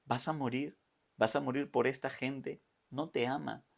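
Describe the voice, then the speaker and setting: A man's voice: mid-range voice, fairly even intonation, measured pace, vocal fry. A man voicing the enemy spirit who insistently taunts and goads Jesus on the cross. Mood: taunting.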